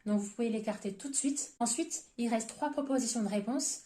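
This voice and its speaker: A woman from France teaches exam tips in a clear, methodical way, talking straight to her viewers. Her voice sits a little high but sounds mellow and soft-edged. The room around her is noticeably echoey. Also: fairly quick. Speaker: TOEIC prep teacher. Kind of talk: explanatory lesson to camera.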